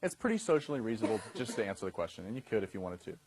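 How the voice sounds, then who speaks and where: Speaking rapid-fire in a fairly low, sing-song voice with a darkish tone, a thirty-something dating coach gives an instructional talk to his class. He keeps it conversational and checks in with listeners often. There's slight background noise.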